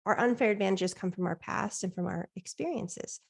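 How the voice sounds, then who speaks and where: A woman's voice: mid-range voice, fairly quick, gravelly. A woman leading a life coaching session in an encouraging, affirming, reflective way.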